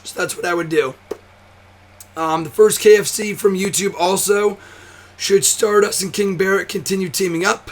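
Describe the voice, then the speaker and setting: This is a high-voiced young man who hosts a wrestling show, and he's hoarse and worn out, with barely any voice left. He rambles, swears and keeps restarting as he chats casually to camera in vlog style.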